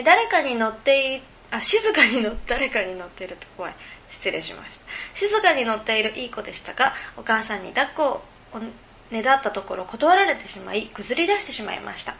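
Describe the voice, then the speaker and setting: Woman, podcast host, rambling casual chat, giggly, bright voice, echoey room. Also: on the high side. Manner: rambling, giggly, thinks aloud.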